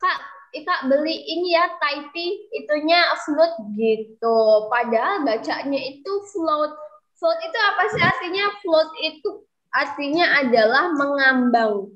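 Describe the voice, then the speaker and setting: A woman's voice: high-pitched, lively intonation, measured pace, fairly bright tone. A young woman tutoring English in an online class, chatty and coaxing her students to answer, in a dim room over a video call. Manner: chatty, calls herself kakak, coaxes students to answer. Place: room growing dark, using a flashlight. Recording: dull lo-fi video call audio.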